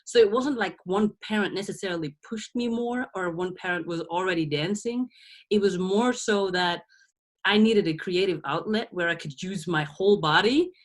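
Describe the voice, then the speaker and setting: A Belgian woman in her thirties appears as a guest on a podcast, reflecting on her past in a casual interview. Her voice is medium-pitched and moderately paced, and she laughs often and restarts her sentences frequently.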